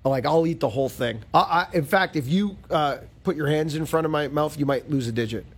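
A man's voice: fairly high pitch, brisk, noisy background. A man co-hosting a golf show, joking and poking fun at himself in casual chat. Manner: joking, self-mocking.

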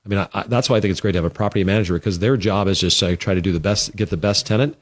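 A man with a slightly low voice talks quickly on a podcast, explaining the rental market as a real estate agent. He slips into quoted voices of clients and owners as he goes. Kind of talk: casual podcast discussion.

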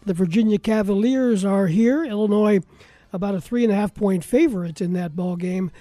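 A man speaks in a loud, dense radio voice, the processed broadcast sound of a sports talk host. His tone is dark and mellow, recorded dry and close in a studio. He moves briskly from game times to scores in announcer fashion. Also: high-pitched, dry recording. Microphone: close studio microphone.

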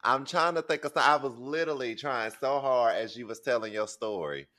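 An American man with a deep voice co-hosting a podcast, asking questions and trading anecdotes in casual chat. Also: brisk, sharp tone. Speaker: podcast co-host.

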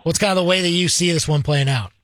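Friendly radio host man, slightly high. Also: fast talker, a bit bright, no room sound. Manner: friendly, conversational, with many fillers. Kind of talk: casual radio interview.

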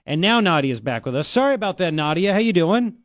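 A man hosting a talk radio show, interviewing a caller with quick conversational interjections. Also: high-pitched, big pitch swings, no echo, clean studio sound.

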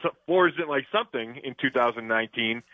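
A man's voice: medium pitch, lively intonation, brisk, dry recording. A man discussing football on sports radio, talking conversationally with plenty of fillers and restarts. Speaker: football analyst. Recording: dry phone-line audio.

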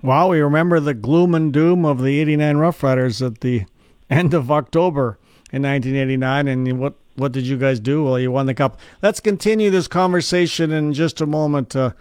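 A man's voice: a little high, fairly quick, smooth, dry recording, clean studio sound. Chatty male sports radio host. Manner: chatty, animated, teasing. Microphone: studio microphone.

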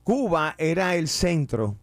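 A man's voice: a little high, big pitch swings, takes it slowly, no echo, studio quality. A man hosting a casual radio talk show, slipping English phrases into his Spanish. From Puerto Rico. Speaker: radio host.

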